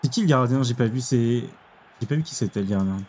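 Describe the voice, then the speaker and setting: Excitable young man commenting football gameplay. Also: medium pitch, fast talker, a little hiss or hum. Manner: excitable, exclaims and groans at plays. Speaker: gaming YouTuber.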